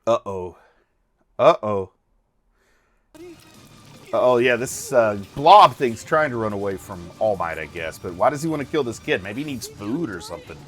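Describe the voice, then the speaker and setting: Animated middle-aged man reacting casually. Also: on the low side, fairly quick, few pauses, soft background music. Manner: exclamatory, chuckling, jokey. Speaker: reaction host. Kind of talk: casual running reaction commentary.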